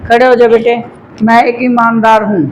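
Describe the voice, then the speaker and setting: A man's voice: extremely high pitch, level tone, normal speed, a little hiss or hum, rough recording. A man teaching English grammar to a classroom of students in Hindi with a Haryanvi accent, coaching them patiently and calling them "beta". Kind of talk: classroom lesson.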